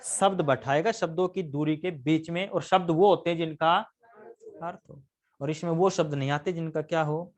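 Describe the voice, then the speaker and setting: A man's voice: on the high side, fairly even intonation, moderate pace. A man teaching a live grammar lesson, constantly quizzing his students with questions and answering them himself.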